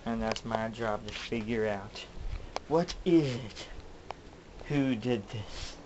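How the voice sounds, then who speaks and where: A man's voice: on the low side, slow, lo-fi sound, background noise. Melodramatic man interrogating toys. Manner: melodramatic, mock-detective, exaggerated. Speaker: channel host. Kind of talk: comedic skit talking to toys.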